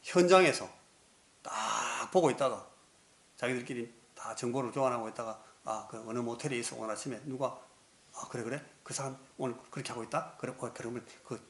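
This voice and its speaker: Male pastor, sermon, vivid storytelling, acting out scenes, mid-pitched voice. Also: fairly quick, a bit bright.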